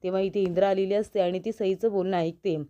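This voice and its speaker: A woman's voice: mid-range voice, fast, lo-fi sound. Woman narrating a TV serial recap. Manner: steady retelling that carries on straight into each character's quoted lines. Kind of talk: storytelling recap of a TV serial, reading out every character's lines.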